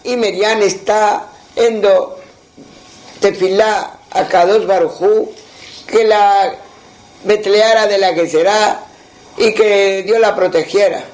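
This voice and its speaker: A man telling an oral folk tale, halting and repeating words as he recalls it. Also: sits high, fairly even intonation, a little mellow, rough recording. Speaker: storyteller.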